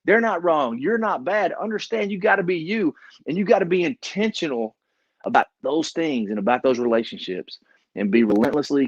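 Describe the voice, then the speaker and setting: A man's voice: mid-range voice, no room sound. A man with a Texan accent, a business coach giving folksy, emphatic motivational talk on a video call. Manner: folksy, emphatic, repeats key phrases. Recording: dull, dry sound.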